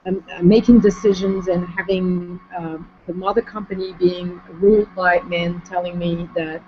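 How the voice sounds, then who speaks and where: French-accented woman, measured and muffled. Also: on the low side, level tone. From France. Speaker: interview guest. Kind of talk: online interview conversation. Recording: muffled lo-fi audio with faint noise.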